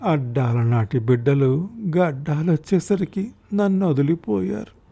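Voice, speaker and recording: Guy reading it as a sweet forgetful old mom in her 80s, slow and wavery, kinda higher voice, storybook reading. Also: gravelly, warm tone. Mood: gentle confused. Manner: slow, wavering, confused questions. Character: forgetful elderly mother past eighty, gentle.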